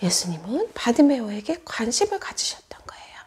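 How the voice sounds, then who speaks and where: A woman children's pastor tells a Sunday school story in a high voice that swings widely in pitch. She keeps asking the children questions and often drops into hushed whispers. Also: big pitch swings, a little fast, breathy edge.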